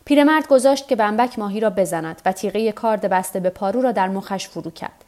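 A woman narrating a novel for a nightly story podcast in a calm, measured reading. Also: mid-range voice. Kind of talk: scripted narration of a translated novel.

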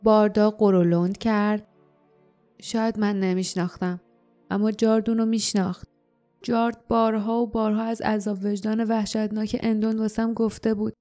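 A woman narrating an audiobook in a steady storytelling read. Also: medium pitch, soft background music.

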